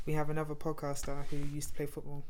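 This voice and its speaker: A woman's voice: low voice, completely flat delivery, quick pace, warm tone, slight background noise. A woman chatting casually, heard a little away from the mic. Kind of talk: casual chat.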